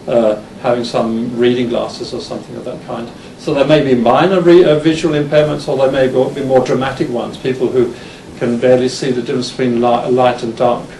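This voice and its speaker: This conference lecture features a Danish-based man in his fifties, originally from England, whose English accent colors a mid-range, slightly mellow voice. His delivery is halting with many restarts and fillers, and the hall recording is roomy, distant, and noisy.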